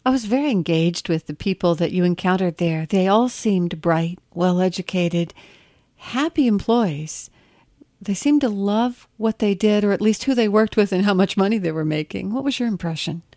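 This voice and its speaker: A woman interviewer asks curious, engaged questions in a mellow, warm voice. Her pitch sits in the middle of the range. The recording is close and dry. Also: animated, moderate pace, dry recording.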